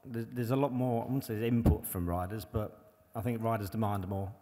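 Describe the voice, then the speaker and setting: A bike engineer and former pro racer speaks as a panel guest on stage before an audience in a large hall with long reverb. His low-leaning, mellow voice is steady and brisk as he rambles, full of "you know"s, filler phrases, and restarts.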